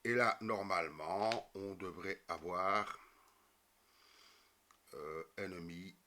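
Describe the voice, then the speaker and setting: Speaking in a deep voice at a slow pace, a programming teacher explains a screen-recorded coding tutorial step by step, with plenty of fillers and self-corrections. His tone is pushed and bright, and there's slight background noise.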